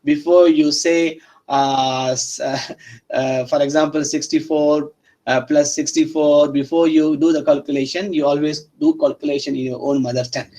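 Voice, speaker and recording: Slightly high and mellow, the man's voice holds a level tone at a moderate pace. He lectures at a university in English, which he learned as a second language, and his first language is not Arabic or English. He keeps students engaged by repeating phrases and checking their understanding again and again.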